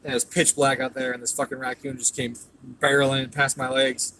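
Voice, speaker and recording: A man's voice: medium pitch, level tone, fairly quick, sharp tone, slight background noise. A man hosting a casual stream from a tuning shop, swearing freely and answering viewer questions. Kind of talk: casual livestream chat.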